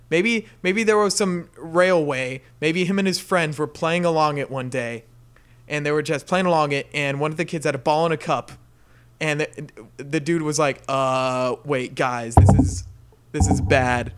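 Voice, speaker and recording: A man with a slightly high voice tells a story on a casual podcast. He reads a listener's dream with animated delivery and laughs often. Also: smooth. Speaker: podcast co-host reading a dream. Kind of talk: casual comedy podcast chat.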